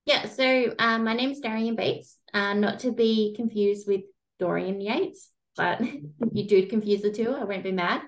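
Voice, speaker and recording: A young Australian woman with an Australian accent, chatting casually as a guest coach in an interview, relaxed and self-deprecating. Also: medium pitch, a little slow.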